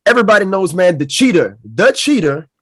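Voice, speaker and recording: A man's voice: high-pitched, big pitch swings, brisk, a bit bright, husky, no echo, clean studio sound. A man hosting a casual sports podcast, slangy, leaning on "man" and "bro" as he sets up topics and asks questions. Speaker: podcast host.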